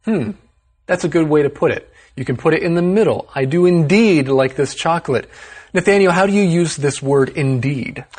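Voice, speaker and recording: English lesson host guy, kinda high voice, upbeat and clear, explains words to learners. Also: animated, moderate pace, darkish tone.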